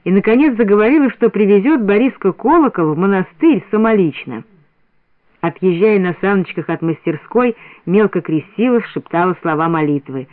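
A man narrating a story as a scripted radio reading in a steady storytelling manner. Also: high voice, moderate pace, dry recording. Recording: dry, narrow radio sound.

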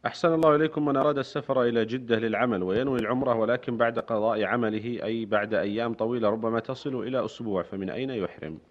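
A male radio presenter speaks formal Standard Arabic at a very rapid clip. He reads questions and announcements with deferential, scripted politeness. His voice sits at a middling pitch, and the recording is dull and lo-fi. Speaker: radio programme host. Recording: dull, band-limited radio broadcast.

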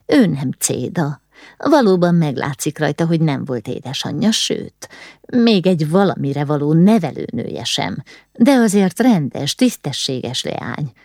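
A woman's voice: low-pitched, sing-song, vocal fry, a little mellow, no room sound, studio quality, full character voice. Give me a woman voicing a tearful, sniffling mother in a storybook. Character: tearful grieving noble mother.

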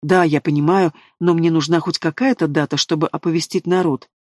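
A man's voice: a little high, steady tone, brisk, no room sound, studio quality, lightly acted. A man reading the part of a scheming, fawning red dragoness who keeps pressing her point. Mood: fawning pushy. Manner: fawning, insistent.

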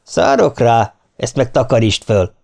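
A man's voice: medium pitch, very animated, creaky, darkish tone. A man reading an audiobook, voicing a coarse middle-aged businessman with crude, drawling banter. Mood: rough.

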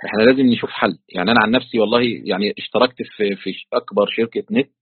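A man's voice: lowish voice, very fast, husky, dry recording. Man, Egyptian accent, teacher, colloquial explaining, dry, phone-like sound. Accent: Egyptian Arabic. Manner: explains in colloquial speech with everyday examples. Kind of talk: online tafsir lesson. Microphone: computer call mic. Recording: tinny online call audio.

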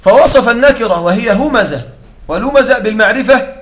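A man's voice: extremely high pitch, expressive, fairly quick, a bit bright, a little hiss or hum. A man teaching Arabic grammar to a class. He explains step by step and keeps asking the students whether they follow. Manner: explains step by step, often asks the class to confirm. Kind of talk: classroom lecture. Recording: echoey room, far from the mic.

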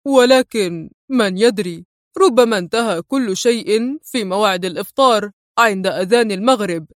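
A woman's voice: medium pitch, normal speed, no room sound, clean studio sound, lightly acted. A woman voicing a proud, hungry male prisoner who speaks sternly and with scorn. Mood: defiant. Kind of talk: audiobook character reading.

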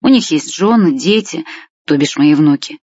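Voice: medium pitch, lively intonation, mellow, breathy edge, no room sound. A reader doing a grieving old village man. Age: 60s. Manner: slow, sighing, heavy with grief. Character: sad old village man, tearful, gentle. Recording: dull lo-fi dry recording.

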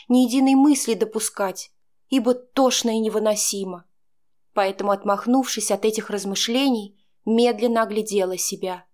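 A woman reading a first-person novel aloud in steady, emotional narration. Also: mid-range voice. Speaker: audiobook narrator.

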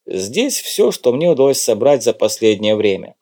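A man reading an audiobook, voicing a brisk, curt undercover agent. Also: mid-range voice, big pitch swings, warm tone. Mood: tense. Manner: brisk, clipped, occasionally snappish. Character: cool, curt male undercover agent in his prime.

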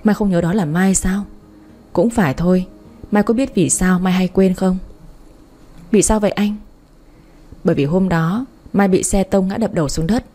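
A woman reading the part of a drunk young husband, speaking in a slow, drawn-out, whiny slur. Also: medium pitch, dark tone, faint music behind, lightly acted. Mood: somber. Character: drunk young husband, slurring, clingy and tender.

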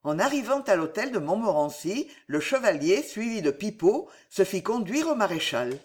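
Audiobook narrator, measured storytelling, animated intonation. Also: medium pitch, husky.

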